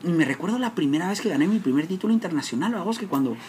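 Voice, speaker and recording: A man's voice: high voice, animated, rapid-fire, darkish tone, a little hiss or hum. Guatemalan man telling an emotional story. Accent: Guatemalan Spanish. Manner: emotional, self-interrupting, dramatic retelling. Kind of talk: personal storytelling talk.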